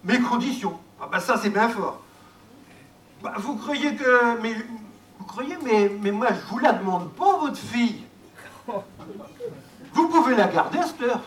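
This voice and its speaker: A man's voice: very high voice, animated, a little slow, pauses often, fairly bright tone, full character voice. A man voicing a cocky young village suitor who talks in a teasing, offhand way. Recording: echoey, from far off, faint noise.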